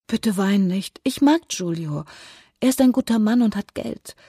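A reader voicing a gentle, caring younger sister in an audiobook, speaking softly and comfortingly. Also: medium pitch, expressive, measured pace, slightly rough, no room sound, studio quality, pitched above the performer's own voice. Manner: soft, comforting. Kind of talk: audiobook character voice.

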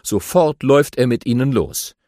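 A man narrating a children's audiobook in an animated storytelling way. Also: mid-range voice, normal speed, no echo, clean studio sound.

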